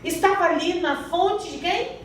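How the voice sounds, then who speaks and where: A woman's voice: very high-pitched, measured pace. A woman with a Brazilian Portuguese accent preaching a church sermon, reading scripture and quizzing the congregation with questions. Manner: asks the congregation questions and prompts answers. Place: church hall. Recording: very echoey hall, mic far off, faint hiss.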